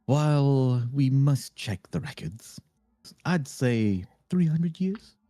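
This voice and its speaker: A man voicing calm young male demon suitors from a romance game, with a formal, courtly delivery and a faint put-on accent. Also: medium pitch, takes it slowly, no room sound. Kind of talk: live reading of game dialogue.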